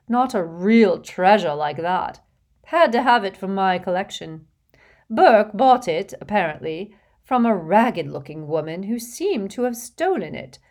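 A woman with a mid-range, darkish voice plays a doting, gushing wealthy old woman showing off her treasures. She's fawning and breathless, now and then dropping to coy whispers.

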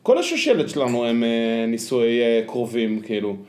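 A man with an Israeli accent in casual conversation, halting and reflective as he searches for his words. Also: medium pitch, very animated, darkish tone. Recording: echoey, roomy sound.

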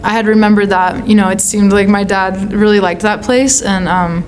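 An American woman with a medium-pitched voice, talking casually in an interview. She searches for her words in an informal, thoughtful way, with some background noise around her. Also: steady tone, moderate pace. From California, United States. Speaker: songwriter being interviewed.

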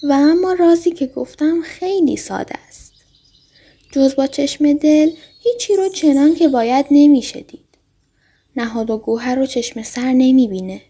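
A woman voicing a wistful, gentle fox who longs for friendship, in a storybook reading. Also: high-pitched. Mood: earnest. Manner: gentle, heartfelt, pleading.

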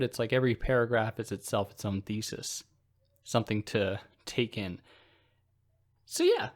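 A man hosts a philosophy podcast, explaining a text in a relaxed, conversational way, like a casual explanatory lecture. He thinks aloud with fillers and restarts. His voice is soothing and medium in pitch.

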